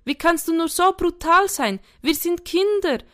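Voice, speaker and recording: Woman putting on a cheeky little boy, loud, indignant, protesting, audiobook character, clear high voice. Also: expressive, measured pace. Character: bold, cheeky young boy twin, quick to protest.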